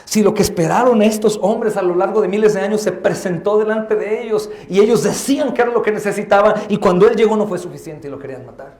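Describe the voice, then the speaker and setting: A man preaching a sermon as pastor, impassioned and rising to loud exhortation. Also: sits high, quick pace, few pauses. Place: church hall. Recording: echoey church hall.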